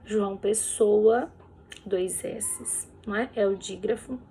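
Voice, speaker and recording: A woman's voice: medium pitch, steady tone, slow pace, warm tone, slight background noise. A woman teacher going over workbook answers in a recorded lesson, explaining patiently step by step and checking in with tag questions.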